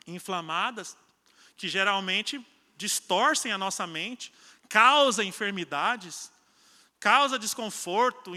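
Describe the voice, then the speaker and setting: A man's voice: high-pitched, pushed and bright. A man preaching a sermon in a conversational style, acting out arguments between spouses. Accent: Brazilian Portuguese. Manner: conversational preaching with acted-out quarrels. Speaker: pastor. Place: church hall. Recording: long church-hall reverb.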